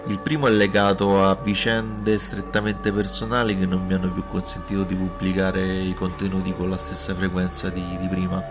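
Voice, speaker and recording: Male podcast host, very low voice, poor-quality mic-less audio, music bed underneath, hesitant delivery. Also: level tone, normal speed, hardly any pauses. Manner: hesitant, repeats words and trails off with fillers. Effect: low-quality audio recorded without a proper microphone. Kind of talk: casual spoken podcast intro.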